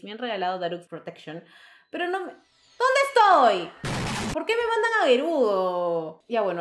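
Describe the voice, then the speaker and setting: A young woman gamer giving let's play commentary, shrieking and laughing as she reacts to the game. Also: a little high. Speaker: gaming YouTuber. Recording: echoey room, faint game music. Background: game music.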